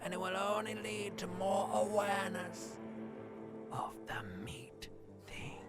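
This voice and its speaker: Slow, creepy limbic-system voice. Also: male voice, high-pitched, sing-song, full character voice. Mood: creepy, taunting. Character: limbic system inner voice, creepy, disgusted, taunting. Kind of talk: video game voice acting. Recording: loud music under the voice.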